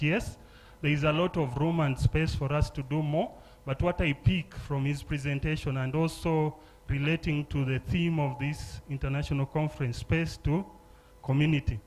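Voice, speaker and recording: A man from Uganda giving an earnest, measured comment from the floor at a conference, speaking into a handheld mic. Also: on the high side, darkish tone. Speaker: audience member commenting.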